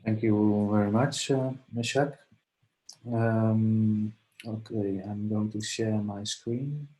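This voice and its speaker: A low, flat-voiced man talks slowly over a video call, stopping often with filler sounds as he walks through a training session. His voice comes through with a roomy echo. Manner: hesitant, halting, many "uh" fillers. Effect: heard over a video call. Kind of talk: online training presentation.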